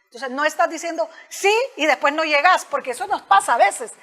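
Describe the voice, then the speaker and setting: A woman with a high voice talks as a communication specialist in an interview. She explains in an animated way and speaks informally and directly to the host. A long reverb trails after her words. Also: brisk. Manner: animated, acts out example dialogues in other voices.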